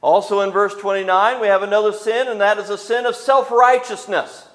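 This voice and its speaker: A man preaching a sermon in a fairly high voice, driving his points home emphatically and tossing in rhetorical questions. His voice carries a long reverb, as in a large hall. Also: flat delivery, fairly quick, fairly bright tone.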